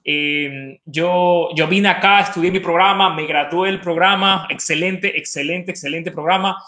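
With a high, sharp voice and fairly even intonation, this thirty-something man with an Ecuadorian accent speaks unhurriedly as a college rep and webinar guest. He explains enthusiastically and informally in a promotional interview, repeating words for emphasis. The video call comes from his living room with an open kitchen, carrying a roomy echo.

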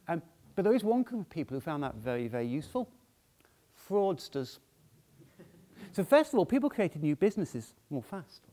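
High-voiced man giving a chatty conference talk. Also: warm tone. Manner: chatty, asks "yeah?" to the audience often. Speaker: conference speaker. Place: large dim conference hall, on stage.

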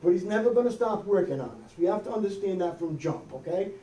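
A warm, high-sitting voice carries this middle-aged pastor's fast, expressive sermon, delivered conversationally with frequent "okay?" and "amen?". He's from the United States and stands in a small wood-paneled church hall, picked up from far away by a camera with no visible mic, so the audio is echoey.

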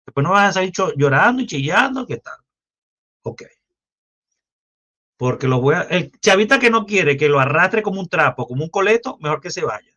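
A man's voice: high voice, big pitch swings, normal speed, pushed and bright. A Venezuelan man with a Venezuelan accent, hosting a livestream and ranting in a crude, mocking, rambling way. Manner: foul-mouthed, mocking, loose and rambling. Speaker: livestream host. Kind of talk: crude political livestream rant. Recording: muffled lo-fi livestream audio.

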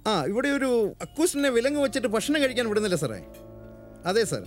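A man's voice: very high voice, very animated, fast talker. An actor playing an indignant male human rights activist who lectures others. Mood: officious. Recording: film soundtrack with faint music.

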